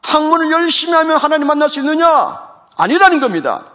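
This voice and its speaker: A man preaching a sermon as pastor, animated, asking rhetorical questions and acting out the voices he quotes. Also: very high-pitched, fast. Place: recorded for a military online worship service.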